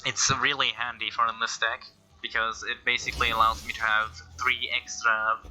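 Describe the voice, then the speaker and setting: A man's voice: mid-range voice, level tone, normal speed, sharp tone, soft background music, low-quality recording. A man giving casual game commentary, thinking aloud in a hesitant way. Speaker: gameplay commentator.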